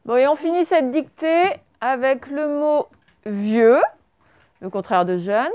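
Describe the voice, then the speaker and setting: A woman's voice: high-pitched, takes it slowly, darkish tone, clean tone, no echo. A woman teacher giving a classroom dictation, spelling words out letter by letter and quizzing her pupils. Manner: asks pupils questions and praises answers. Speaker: primary school teacher.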